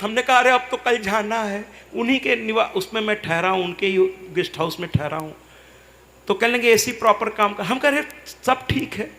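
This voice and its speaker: High bright male preacher, gravelly edge, tells a story and does both voices, faint hiss behind. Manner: storytelling, acting out both sides of a conversation; softens to a gentle murmur when speaking to a child on stage. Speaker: katha preacher. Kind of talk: devotional discourse to a live audience.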